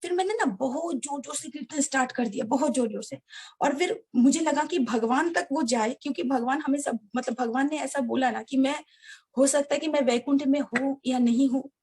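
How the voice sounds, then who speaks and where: A woman with a high voice shares a personal experience with a devotional gathering, telling her story earnestly and often speaking straight to her listeners. Her heartfelt account is halting, full of hesitations and restarts.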